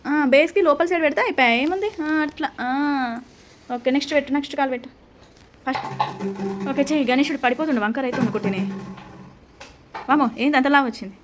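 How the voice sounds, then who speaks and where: A woman's voice: high voice, soft background music. A woman, a mother coaxing and instructing her children through a clay craft in a casual home video. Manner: coaxing, instructive, quick questions.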